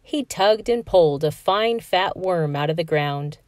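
A woman reading a children's picture book aloud in an expressive, sing-song storytelling manner. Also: lowish voice, a little slow, no echo, studio quality.

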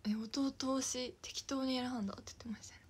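A young woman with a Kansai Japanese accent, an idol livestreamer, chats casually on stream, giggling often, dropping into whispers, and thanking viewers by name. Her high-pitched voice is steady, a little fast, and slightly rough.

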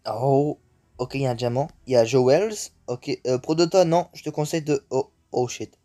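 A young man giving excitable commentary as he plays a game, swearing often and dropping English exclamations into French. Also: mid-range voice, normal speed, soft background music. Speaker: gaming YouTuber. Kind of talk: live gameplay commentary.

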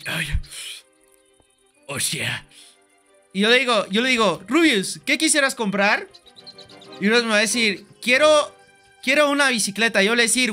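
A young man with a Mexican Spanish accent chats through a live game stream, bright and sharp in tone. He rambles playfully, swears offhandedly and says many lines twice. Soft music runs underneath. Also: high-pitched. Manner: playful, rambling, swears casually, repeats himself. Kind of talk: joking gameplay live stream. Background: faint background music.

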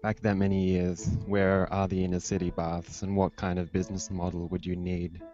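This young man's voice sits low and warm, his delivery completely flat at a moderate pace as he reads experimental fiction at a festival. He holds a handheld microphone close in an indoor room streamed live online. Music fills the background of the dull, lo-fi webcast.

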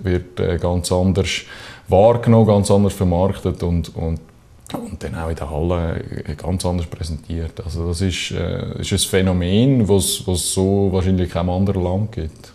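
Young swiss guy, athlete in a tv interview, low mellow voice, bit halting and measured. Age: young adult. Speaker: professional handball player, team captain. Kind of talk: studio interview answers. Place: small TV studio.

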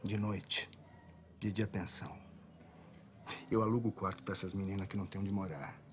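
A man's voice: low-pitched, level tone, normal speed, a little hiss or hum, lightly acted. A man acting a scornful, self-righteous brothel owner in a film drama, talking with swagger and threat. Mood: boastful.

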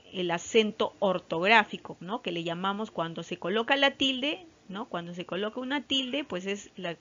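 A woman's voice: mid-range voice, fairly bright tone, muffled recording. A woman teacher with a Peruvian Spanish accent, giving a patient online lesson to young children and often checking in with "¿ya?". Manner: slow, patient, with frequent "¿ya?" check-ins. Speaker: primary school teacher.

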